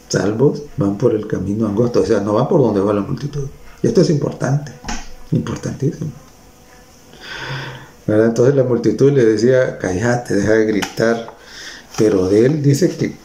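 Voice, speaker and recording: Male preacher, unhurried conversational sermon, gravelly tone, roomy echo. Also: medium pitch, warm tone. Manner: conversational, repeats words, asks listeners "¿no?".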